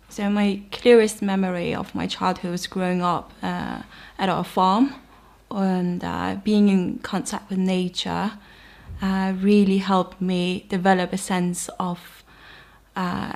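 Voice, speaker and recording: A young Danish woman with a Danish accent reflectively shares her conversion testimony in a fairly low, gravelly voice. She speaks earnestly about her personal story.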